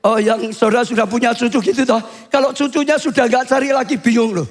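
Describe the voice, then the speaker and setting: Older male pastor, high voice. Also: fast. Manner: swings to high shouting when acting out cries. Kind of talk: sermon.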